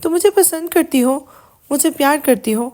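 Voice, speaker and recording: A woman's voice: high-pitched, animated. A woman voicing an angry young man who speaks harshly in an audio novel. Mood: furious. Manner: harsh, shouting.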